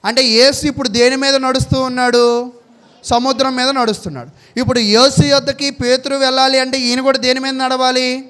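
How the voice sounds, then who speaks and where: A man with a high voice preaches a sermon. He keeps asking his listeners questions and answering them himself. He stops now and then to read out Bible verses. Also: little pitch movement, brisk, a bit bright, clean tone.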